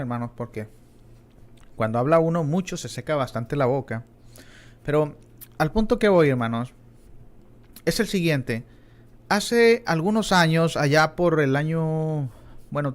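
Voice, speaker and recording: Earnest man preaching a Bible class. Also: a little high. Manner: earnest, repeats "hermanos" often, emphatic rises on key words. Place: church in Texas.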